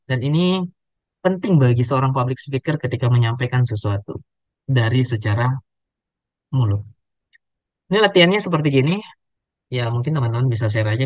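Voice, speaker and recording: Man, trainer, webinar lesson, animated demonstrations, dry close mic. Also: mid-range voice, no echo, highs cut off. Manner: animated, demonstrates intonation with drills. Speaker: public speaking trainer.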